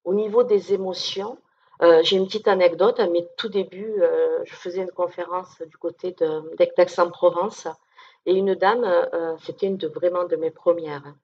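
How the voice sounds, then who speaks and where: A down-to-earth woman talks to an audience in an informal, chatty way, filling pauses and checking in as she goes. Her voice sits a little low. The recording sounds dull and lo-fi. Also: fairly even intonation, a little mellow, breathy edge. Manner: down-to-earth, chatty, many fillers and check-ins. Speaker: medium giving a talk. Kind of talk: informal conference talk to an audience. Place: conference room with an audience.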